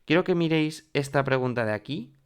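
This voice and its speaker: In a classroom, a man teaches French to Spanish speakers with a slightly high, expressive, clear and resonant voice, talking fairly quickly. He explains patiently, checks in with the class often, and repeatedly uses "¿vale?" and "mirad."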